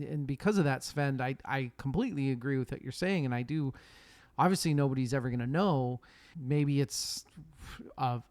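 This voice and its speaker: A man's voice: mid-range voice, a little mellow. A man hosting a casual podcast, chatty and swearing, often restarting his sentences. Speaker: podcast host.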